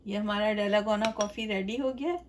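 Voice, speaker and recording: A woman hosting her own cooking channel, explaining a recipe step by step in a gentle, chatty way, with blessings and greetings to her viewers. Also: medium pitch, fairly quick, a little hiss or hum. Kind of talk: home cooking tutorial voice-over. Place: home kitchen.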